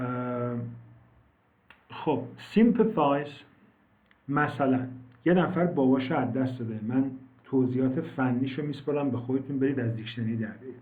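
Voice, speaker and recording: Man teaching on a tinny online call. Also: mid-range voice. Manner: explains slowly and drawn out, repeating words, with many fillers. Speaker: English teacher. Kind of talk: online class, explaining vocabulary. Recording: tinny phone-like call audio, echoey.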